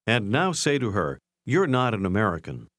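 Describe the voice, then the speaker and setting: A man narrating a language course, giving clear scripted prompts to listen and repeat. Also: on the low side, huge pitch swings, normal speed, fairly bright tone, dry recording, clean studio sound. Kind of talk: scripted instruction.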